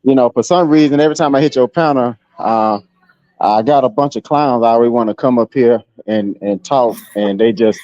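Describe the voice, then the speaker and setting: A man's voice: mid-range voice, normal speed, dark tone, no room sound. Laid-back man on a dull online call. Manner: laid-back, slangy, lots of "uh" and "um" fillers. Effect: voice coming through an online call, dull and sometimes breaking up. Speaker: guest speaker on a live talk panel. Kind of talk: casual chat.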